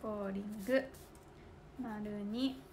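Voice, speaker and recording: A woman's voice: medium pitch, fairly even intonation, slow pace, a little mellow, a little hiss or hum. A young woman with a Kansai accent, chatting casually on a livestream and giggling as she thinks aloud while writing. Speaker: idol livestream host.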